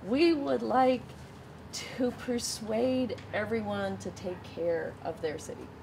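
A woman's voice: medium pitch, takes it slowly, gravelly, a little mellow, rough recording. A middle-aged woman on organization staff, chatting in an upbeat, friendly way at an outdoor patio table. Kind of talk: casual conversation. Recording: outdoor noise behind.

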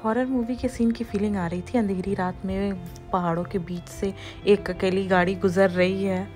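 A woman's voice: mid-range voice, fairly even intonation, normal speed, darkish tone. A woman in her thirties narrating her family's camping trip as a vlog voice-over, chatty and mixing in English phrases. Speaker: vlogger. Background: faint music under the narration.

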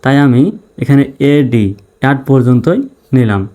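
Male teacher, average pitch; patient, repetitive letter-by-letter explaining. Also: steady tone, normal speed, mellow. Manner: patient, spells letters out one by one and repeats. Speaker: English teacher. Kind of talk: spoken spelling and pronunciation lesson.

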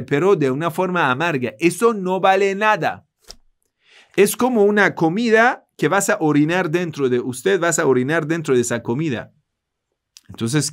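A man from Iran with a Persian accent, a native Persian speaker, teaching a religious class in Spanish and earnestly addressing his listeners. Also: a little high. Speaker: Islamic teacher.

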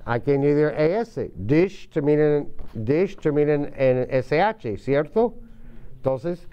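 A man teaching English to a class, patiently repeating words slowly for his students. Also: a little high, lively intonation, clear, resonant tone, highs cut off. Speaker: ESL teacher. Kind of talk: classroom lesson.

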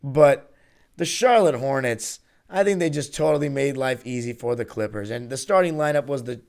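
A man's voice: medium pitch, moderate pace, vocal fry, a little mellow. A young man in his twenties hosting a solo basketball podcast, breaking down a game like a fan, often correcting himself mid-sentence. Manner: rambling, self-correcting, fan enthusiasm. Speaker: podcast host. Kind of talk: solo postgame basketball analysis. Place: small room before a virtual arena backdrop. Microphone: studio mic on a stand in front of him.

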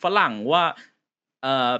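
On his channel, a vlogger gives a casual spoken review of a series, ranting in loose, slangy talk full of exasperated rhetorical questions. His voice is slow, pushed and bright, and the audio sounds dull.

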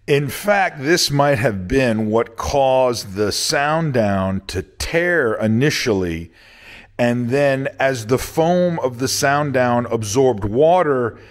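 Older guy walking thru boat repairs, kinda higher voice, plain matter of fact, in a workshop up close to the cam. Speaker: boat restoration vlogger. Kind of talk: DIY how-to narration. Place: indoor workshop.

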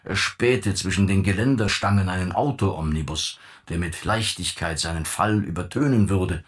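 Man, deep voice, audiobook narration, measured storytelling. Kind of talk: scripted literary narration.

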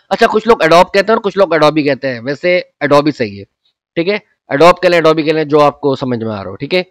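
A young man walks through a software lesson in an easygoing, chatty tutorial voice. His voice sits fairly high. The sound is dry and close. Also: no room sound. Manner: chatty, repeats "ठीक है" and "जनाब" often. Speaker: Photoshop instructor. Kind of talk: casual tutorial with screen walkthrough.

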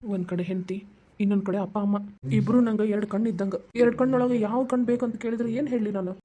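A woman voicing a gentle, indecisive young husband in a cartoon, with a North Karnataka Kannada accent, soothing and worrying aloud. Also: medium pitch, steady tone, quick pace, a little hiss or hum, close to an everyday voice. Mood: worried. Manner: soothing, worried, self-questioning. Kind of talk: cartoon voice acting.

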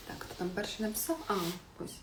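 A woman's voice: fast, slight background noise. A woman teaching a live online language lesson, spelling words out letter by letter and reading answers from the chat. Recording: roomy echo.

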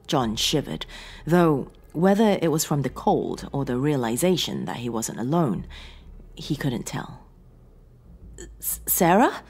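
A woman's voice: rumbling low, sing-song, measured pace, a little mellow, slightly rough. A woman narrating a scripted horror story in a dramatic, suspenseful reading.

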